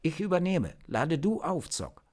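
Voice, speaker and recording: Brisk young team-leader woman, put on by a male reader; high, firm and commanding, for a storybook. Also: sing-song, a little mellow. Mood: urgent. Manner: firm, commanding, quick orders.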